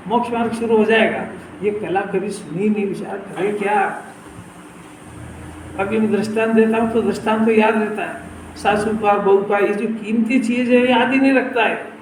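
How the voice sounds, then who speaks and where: A man with a high voice gives a scripture sermon, explaining point by point and often asking his listeners whether they have understood. The room is echoey, with faint noise behind him. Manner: explanatory, questioning listeners, lively. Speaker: Jain scripture teacher. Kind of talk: sermon discourse.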